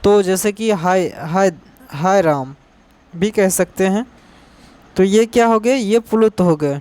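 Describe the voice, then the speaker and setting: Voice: medium pitch, dark tone. A teacher giving an exam-focused grammar lesson, repeating each definition and asking rhetorical questions before answering them. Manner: spells out letters and examples slowly.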